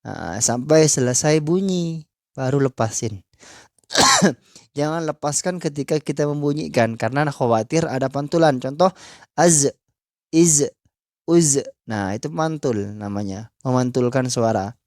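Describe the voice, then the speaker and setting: A man's voice: medium pitch, animated, normal speed, dry recording, studio quality. A man teaching Quran recitation in a pronunciation lesson, patiently demonstrating sounds with repeated drills.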